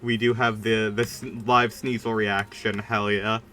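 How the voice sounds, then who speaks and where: Unhurried and a bit bright, this mid-range voice keeps a level tone. The streamer chats casually over a game livestream, rambling, informal and emphatic.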